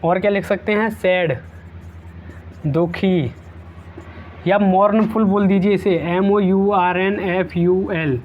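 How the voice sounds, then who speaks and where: A man's voice: high voice, steady tone, slow, pauses often, phone-quality sound, a little hiss or hum. A man teaching an exam-prep vocabulary lesson, repeating each word several times and using playful memory tricks.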